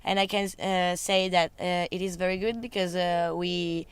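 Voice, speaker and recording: A woman's voice: fairly low pitch, steady tone, moderate pace. A young woman from Italy, a youth exchange participant, talking hesitantly with many fillers. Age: young adult.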